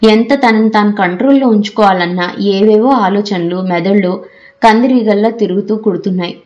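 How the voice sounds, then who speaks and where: A woman narrating a novel in a measured, expressive storytelling style. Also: medium pitch, dull audio. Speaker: audiobook narrator.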